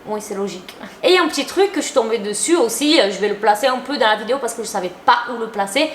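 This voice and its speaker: A woman's voice: on the high side, lively intonation, quick pace, slight background noise. Chatty young woman in a roomy room. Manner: chatty and opinionated, uses casual slang. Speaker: YouTuber. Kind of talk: casual commentary to camera. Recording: roomy echo.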